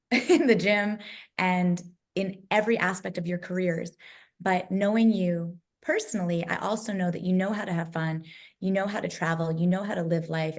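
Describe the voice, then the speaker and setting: Moderating a virtual panel discussion over a video call, a low-voiced woman speaks emphatically and likes to build lists as summit moderator.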